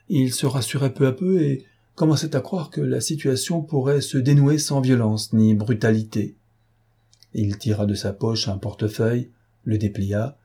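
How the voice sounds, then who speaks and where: Male audiobook narrator, mellow and slightly husky, measured pacing. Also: medium pitch. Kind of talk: scripted narration.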